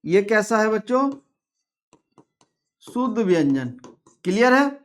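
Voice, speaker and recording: Man teaching grammar, slow and repetitive. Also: high-pitched, sing-song. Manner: slow and repetitive, drawing out sounds, asking pupils questions. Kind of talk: classroom grammar lesson.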